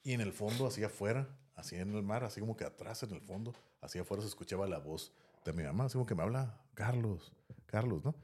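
Fast, husky, low-voiced Mexican man. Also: expressive, darkish tone. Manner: rambling, tags sentences with "¿no?" and "así". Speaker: podcast host. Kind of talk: casual storytelling chat.

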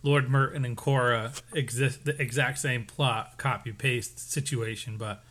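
Male podcast co-host, casual episode recap, lively, playful asides, chuckles, mid-pitched voice. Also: a little slow.

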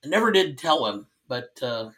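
A male podcast co-host with a bright, forward tone. He tells dry, rambling anecdotes in a relaxed, conversational way. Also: mid-range voice, normal speed. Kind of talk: casual film discussion.

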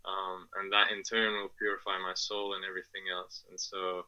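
A deep, sharp, clean-toned male voice speaks with a completely flat delivery at a moderate pace, in lo-fi sound. He is a podcast guest in his twenties from Afghanistan who grew up in England, answering casually and hesitantly, laughing often and restarting with many fillers.

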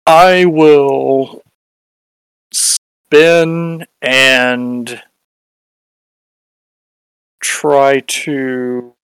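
A woman plays a tabletop role-playing game in casual talk. Her voice is extremely low and very slow, yet smooth and resonant. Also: steady tone, dry recording, poor audio.

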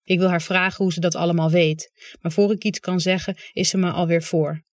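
An audiobook reader narrating a first-person literary story in a calm, understated way. The voice sits in a middle range. The recording is dry and close. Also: medium pitch, a little fast, no echo.

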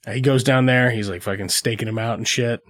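A man's voice: medium pitch, steady tone, quick pace, fairly bright tone. Laughing man recapping a movie. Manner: retells scenes, laughing, putting on character voices. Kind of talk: casual movie recap chat.

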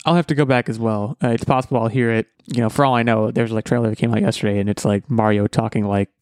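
A man's voice: fairly low pitch, fairly even intonation, fast talker, darkish tone, clear, resonant tone, no room sound. A man hosting a podcast in casual chat, rambling and joking with lots of fillers and restarts. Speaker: podcast host.

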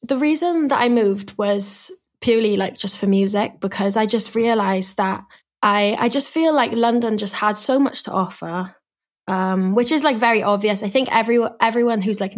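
A young woman from Swansea, Wales, speaks with a Welsh accent in a medium-pitched voice at a moderate pace. A singer and music artist appearing as an interview guest, she chats casually and informally, frequently saying "like."

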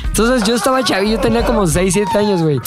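A man's voice: high voice, expressive, fast. A Mexican man hosting casual comedy banter, teasing his friends in slangy, sweary frat-bro talk. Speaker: comedy podcast host. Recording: loud music bed under speech. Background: music.

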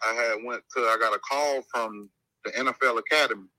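A man's voice: mid-range voice, a little fast, bright, forceful tone, no echo. A young man talking over a phone on speakerphone, held up to the mic, as a guest football player casually telling his career story and stringing events together. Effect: phone call played over speakerphone held to the mic. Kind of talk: casual rambling life story.

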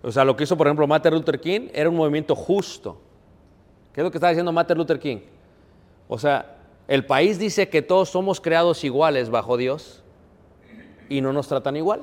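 Preacher in a reverberant hall. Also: male voice, fairly high pitch. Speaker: pastor. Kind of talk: sermon.

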